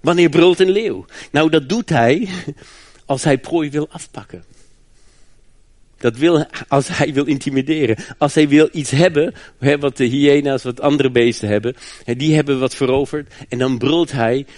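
A man preaching a sermon in an emphatic voice of middle pitch. He often doubles words as he restarts a thought, and he chuckles lightly between phrases. The sound is close and dry, with no room echo. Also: moderate pace, darkish tone.

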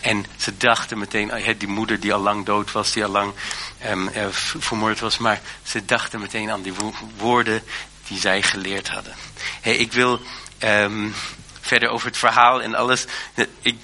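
Male preacher, earnest and halting, very bright tone. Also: lowish voice, little pitch movement, slight background noise. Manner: earnest, hesitant with many fillers and restarts. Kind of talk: sermon.

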